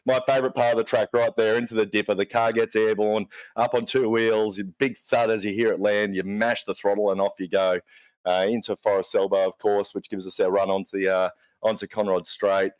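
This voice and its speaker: A man giving live sim racing commentary, chatty and quick to laugh as he talks through a lap. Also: fairly low pitch, flat delivery, no room sound, low-quality recording.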